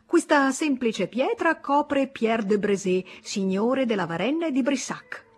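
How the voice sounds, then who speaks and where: A woman doing a husky, pompous old church guide. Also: fairly high pitch, expressive, measured pace, pitched above the performer's own voice. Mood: unctuous. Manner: unctuous, lecturing.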